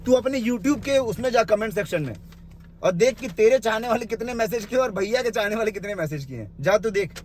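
A man's voice: sits high, lively intonation, fairly quick, a little mellow. A young man in a small room delivering an angry, insulting rant into his phone, mocking and confrontational. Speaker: social media commentator.

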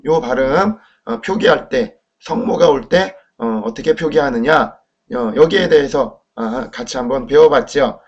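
A man gives a friendly recorded language lesson and keeps turning to the viewer with quick questions. His voice sits a bit high for a man. The sound is dull and lo-fi. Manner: talks to viewers with quick questions, models pronunciation loudly. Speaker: Chinese language teacher. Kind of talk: friendly classroom lecture.

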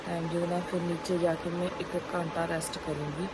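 A woman's voice: lowish voice, little pitch movement, fairly quick. A woman in her thirties with a Punjabi accent, chatting casually to viewers and family as she narrates her home vlog. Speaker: family vlogger, mother. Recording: clear background noise, household and outdoor ambience.

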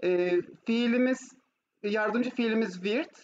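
High-voiced Turkish woman teaching German. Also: takes it slowly, darkish tone. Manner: explanatory, often checks with questions. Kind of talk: online lesson mixing Turkish explanation with German examples. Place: online video class with screen share. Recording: muffled, noisy online call audio.

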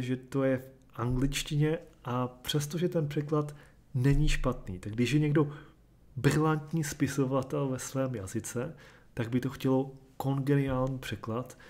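A man reading a short story aloud and then explaining it in a measured, thoughtful way. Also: mid-range voice, darkish tone. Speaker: reader and commentator. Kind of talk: literary reading and lecture.

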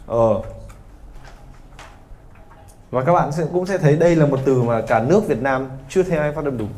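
Lively Vietnamese teacher with a mellow voice. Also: male voice, mid-range voice, moderate pace. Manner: lively, joking, teasing students. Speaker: English teacher. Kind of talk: classroom lesson. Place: classroom.

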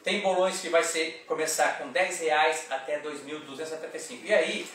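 A middle-aged man sits at his office desk and reads draw results and pool prices off sheets of paper in a relaxed, chatty way. His voice sits a little high for a man. The camera is a good way off, so the sound is roomy and echoey, with faint hiss underneath. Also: brisk, recorded from a distance. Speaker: lottery shop owner presenting results. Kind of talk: casual direct-to-camera announcements. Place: small office in a lottery shop, indoors. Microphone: far camera on a desk.

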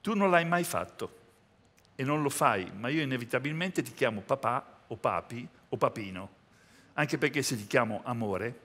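A man's voice: medium pitch, lively intonation, moderate pace, a bit bright. A man hosting a TV comedy show, teasing and playful with his guest. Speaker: show host. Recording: large hall with audience. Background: audience crowd.

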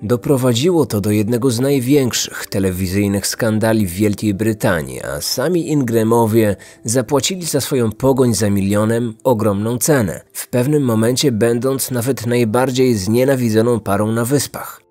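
A man in his thirties from Poland hosts a true crime podcast, narrating a scripted story over background music. He speaks at a moderate pace with few pauses, in a mid-range, slightly mellow voice, with no echo.

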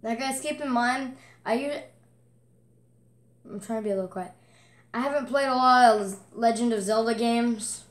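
A woman's voice: a little high, moderate pace, long pauses. Woman game streamer, chatty let's-play commentary, echoey room. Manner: chatty, reacting aloud and reading on-screen text.

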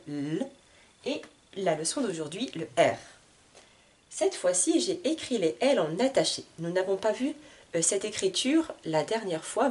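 A woman teaching French reading, saying the syllables slowly and clearly for learners to repeat. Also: on the low side, a little mellow. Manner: slow, clearly spoken syllables with long pauses. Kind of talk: slow reading lesson for learners.

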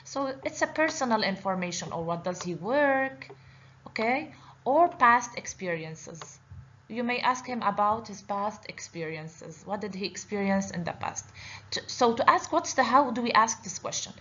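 A female Arabic teacher records a voice-over on slides for an online language lesson, patiently explaining each step and often asking "okay?". Her mid-range voice is pushed and bright, with lively intonation at a moderate pace. The lo-fi recording is slightly dull, with a bit of hiss and faint noise.

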